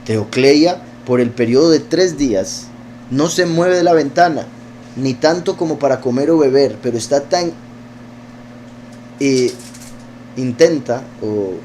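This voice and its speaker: A man's voice: medium pitch, unhurried, pauses often, darkish tone, slight background noise. A man teaching his congregation. He reads a text aloud and keeps breaking off to explain it in an informal, digressive way, with frequent hesitations. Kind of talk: conversational scripture teaching.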